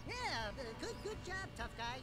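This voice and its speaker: A wisecracking little furry creature talks in a very high, squeaky voice full of mockery. It is cartoonish video game dialogue with loud game music behind. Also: male voice, very animated, normal speed. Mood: sarcastic. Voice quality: sarcastic, mocking. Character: wisecracking small male furry sidekick creature.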